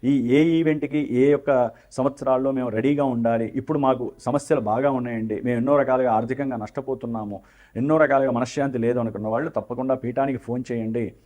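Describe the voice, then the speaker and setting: A man's voice: medium pitch, fairly even intonation, fast, mellow. A man speaking as an astrologer, giving a forecast with earnest advice and formal devotional phrasing.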